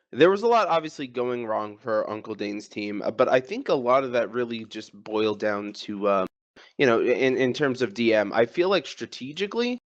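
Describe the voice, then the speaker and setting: A male analyst breaks down strategy on a live esports stream, pausing and restarting as he goes. His mid-pitched voice comes through a dull, muffled, lo-fi mic. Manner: hesitant, lots of fillers and restarts.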